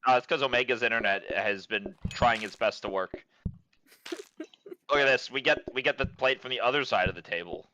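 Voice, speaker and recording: A man chatting casually while playing a cooking game with friends, joking in a dry, mock-deadpan way. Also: mid-range voice, a little fast, muffled recording, slight background noise. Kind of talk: casual gaming chat.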